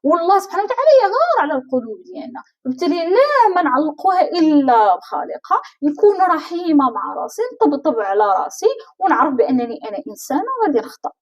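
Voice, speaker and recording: Fast, lively Moroccan woman coaching. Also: high-pitched, muffled recording. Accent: Moroccan Arabic. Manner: addresses the listener directly, many rhetorical questions. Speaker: life coach. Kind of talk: motivational coaching talk.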